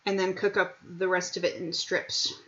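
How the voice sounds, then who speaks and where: A woman's voice: on the low side, flat delivery, normal speed, sharp tone. Chatty woman cooking in an echoey kitchen. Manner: chatty, playful, laughs often. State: low energy. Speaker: cooking stream host. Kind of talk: casual cooking chat. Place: home kitchen. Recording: echoey dull home recording.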